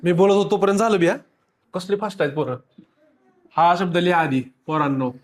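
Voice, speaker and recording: A man leads a classroom lesson, speaking to children in front of him. He keeps the class going with quick repeated questions and playful teasing, in a casual teaching style. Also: high-pitched.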